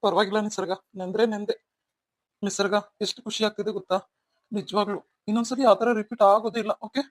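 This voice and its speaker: A woman's voice: medium pitch, fairly even intonation, quick pace, no echo, lightly acted. A woman voicing a young man in a cartoon, a devoted husband who talks in a tender, apologetic, coaxing way. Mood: eager. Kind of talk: cartoon voice acting.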